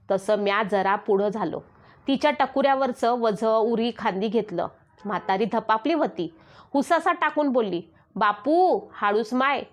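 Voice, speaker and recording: A woman reading a rural story aloud, voicing the villagers' calls and dialect as she narrates. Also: fairly high pitch. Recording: dull lo-fi recording.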